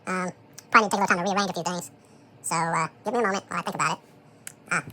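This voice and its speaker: Chipmunk-effect voice, sped up; relaxed home cook narrating a task, very fast, bright. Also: slight background noise. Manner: relaxed, thinks aloud with frequent "um" and "so". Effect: sped-up chipmunk voice, high and fast. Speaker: home cook preparing dog food. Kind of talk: casual how-to commentary while working.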